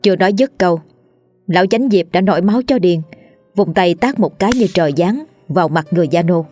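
A woman narrating a horror story in a steady, dramatic telling. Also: fairly low pitch, a little fast, faint music behind.

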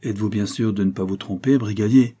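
A man voicing a jovial, sturdy middle-aged village mayor who questions people briskly. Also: lowish voice, mellow, husky.

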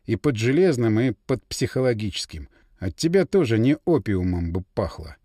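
A man voicing a weary, grim male soldier officer who talks gloomily and calmly in an audiobook. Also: on the low side, moderate pace, no room sound, studio quality, pitched below the performer's own voice. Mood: gloomy. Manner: gloomy, calm.

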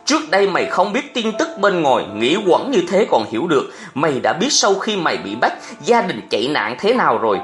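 An old scholar father lectures his son in a stern, scolding voice full of authority, as a man reading a novel puts him on. His pitch moves a lot as he reproaches him. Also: huge pitch swings, a little fast, hardly any pauses, a bit bright, faint music behind.

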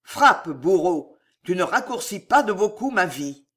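Reader doing a majestic old male admiral, grave, slow, dignified. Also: mid-range voice, sing-song, fairly bright tone. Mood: defiant.

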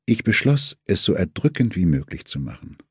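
A man's voice: lowish voice, sing-song, moderate pace, breathy edge, no room sound, clean studio sound. A man reading a German novel aloud as an audiobook, telling the story expressively. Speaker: audiobook reader. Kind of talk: scripted narration.

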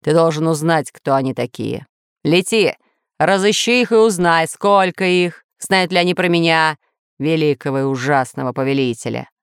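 A woman's voice: low-pitched, normal speed, clear, resonant tone, no echo, clean studio sound. A woman voicing a boastful, villainous male scientist who rules dinosaurs, pompous and threatening in a storybook reading. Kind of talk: storybook narration.

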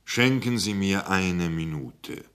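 A man reading aloud and voicing a vain, self-pitying older male essayist who speaks slowly with theatrical pauses. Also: sits low, lively intonation, a bit bright, smooth, exaggerated voice. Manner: slow, mournful, theatrical pauses.

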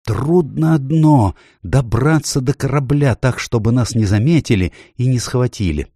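A man voicing an excitable male faun in a storybook, talking in a high, eager, fussing way. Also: normal speed, breathy edge, dry recording, studio quality. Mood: scheming eagerly. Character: fussy, excitable male faun plotting an escape.

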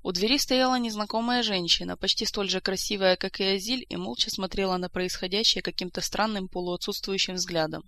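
An audiobook narrator reading a fantasy story with lively storytelling. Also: mid-range voice, brisk, hardly any pauses. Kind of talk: scripted narration.

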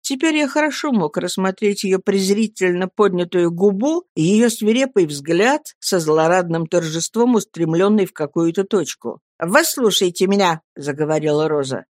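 A woman reading a classic novel aloud in a measured, expressive narration. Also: medium pitch, dry recording, studio quality. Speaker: audiobook reader. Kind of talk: scripted narration.

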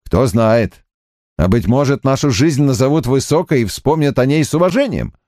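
A man's voice: medium pitch, animated, moderate pace, darkish tone, no echo, studio quality, close to an everyday voice. A man voicing an idealistic young baron in an audiobook, earnest and a little pleading. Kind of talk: audiobook character reading.

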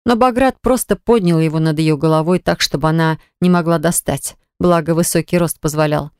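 A woman narrating a romance novel in a measured, expressive reading style. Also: low-pitched, clean tone, no echo, clean studio sound. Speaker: audiobook narrator.

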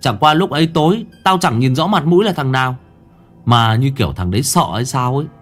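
A man voicing a scared, stubborn village boy in a spoken ghost story, talking in an insistent, excited way. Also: medium pitch, brisk, soft background music, pitched above the performer's own voice, lightly acted.

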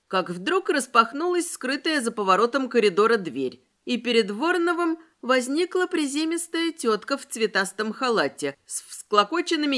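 Bright, animated woman storyteller. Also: on the high side. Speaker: audiobook narrator. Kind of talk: expressive storybook reading.

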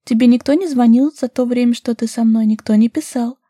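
A woman's voice: a little high, fairly quick, dark tone, dry recording, studio quality, voice pushed up, lightly acted. A woman voicing a bold, teasing young woman who presses her lover with questions, in a storybook reading.

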